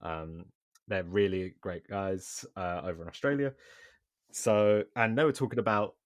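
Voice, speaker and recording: A man's voice: low-pitched, a little slow, no echo, clean studio sound. A man speaking as a podcast guest in casual chat, hesitant and trailing off with fillers.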